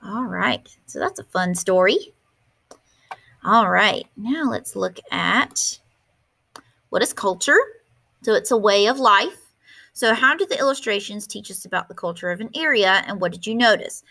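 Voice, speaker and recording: A woman's voice: mid-range voice, expressive, measured pace, vocal fry, sharp tone. A woman teacher reading a picture book aloud to her class, stopping to explain words and ask questions. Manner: explains vocabulary and asks the class questions, with fillers.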